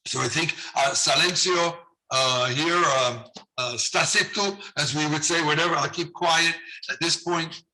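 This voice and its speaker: A man's voice: fairly high pitch, a little slow, bright, forceful tone, rough recording. A middle-aged man, a journal editor, rambling chattily in a recorded conference talk while losing his voice. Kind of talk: prerecorded conference video talk.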